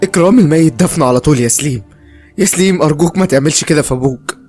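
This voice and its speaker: Guy doing a panicky egyptian mom, high pitched and teary, faint music behind. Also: very fast, mellow, close to an everyday voice. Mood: frantic. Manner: frantic, tearful pleading. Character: distraught middle-aged mother pleading.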